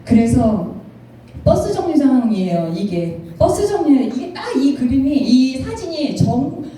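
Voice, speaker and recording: A high, lively female voice of a woman around fifty tells her personal story to a room, emotional and laughing as she goes, with a dark, mellow tone. She is caught from a distance in a very echoey hall. Faint noise sits under the sound. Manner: animated, emotional, often laughing while talking. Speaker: speaker giving a personal testimony. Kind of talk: storytelling talk to an audience with slides.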